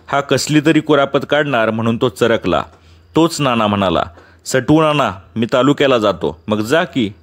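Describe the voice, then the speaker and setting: Expressive male storyteller. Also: medium pitch. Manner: vivid, expressive narration. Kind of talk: dramatic story reading.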